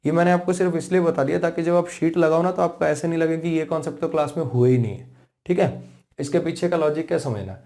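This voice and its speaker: Indian guy teaching english grammar, mellow voice, goes over each point again and again. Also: on the high side. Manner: explains patiently, repeats points and checks understanding; slows right down to spell out English example sentences. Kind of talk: classroom lesson.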